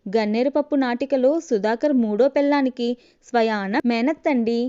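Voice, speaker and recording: Lady doing a dramatic naive wife, sulky and over the top, warm highish voice, muffled audio. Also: normal speed, clean tone, lightly acted. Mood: melodramatic. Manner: sharp, sulky and theatrical. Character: naive, melodramatic young wife hooked on TV dramas. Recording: dull lo-fi recording.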